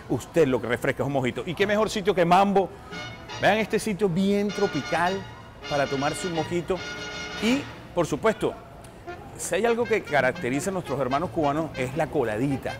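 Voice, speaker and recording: A middle-aged man hosting an outdoor food and drink segment, playful and flirtatious, pitched a little high for a man. He talks straight to the camera from an open-air bar, with loud music behind him. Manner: playful, flirtatious, addresses viewers directly. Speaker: travel show host. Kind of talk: lively on-location presenting.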